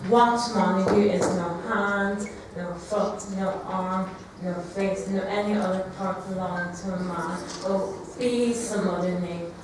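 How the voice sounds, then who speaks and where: Young tragic heroine , female actor, lovestruck, declamatory classical stage verse, heard far from the mic in a booming echo. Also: fairly even intonation, unhurried, few pauses, natural voice. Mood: yearning. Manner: declamatory, romantic. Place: theatre stage, recorded from afar. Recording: distant echoey hall, clear background noise.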